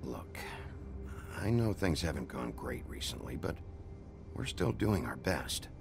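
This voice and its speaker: Gravelly, gruff wolf lawman Bigby. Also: extremely low pitch, sing-song, measured pace, noisy background, full character voice. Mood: defensive. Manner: terse, guarded, blunt. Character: gruff, weary wolf lawman in human form. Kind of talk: video game voice acting. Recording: music behind the voice. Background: music.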